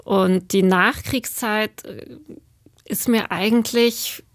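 A woman's voice: medium pitch, fairly even intonation, takes it slowly, no room sound. Thoughtful woman author, dry close sound. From Germany. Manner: thoughtful, searching for words with many fillers. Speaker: author, interview guest. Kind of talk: reflective interview answers.

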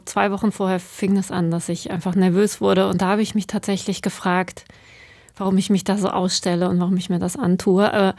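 A woman in her thirties who grew up in Germany, an author answering interview questions thoughtfully and often pausing to search for words. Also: mid-range voice, dry recording, studio quality.

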